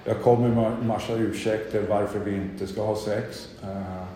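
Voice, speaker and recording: A man's voice: on the low side, fairly even intonation, warm tone, slight background noise. A middle-aged man tells his own recovery story in a candid, self-deprecating way. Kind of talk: personal testimony talk. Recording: echoey hall with audience.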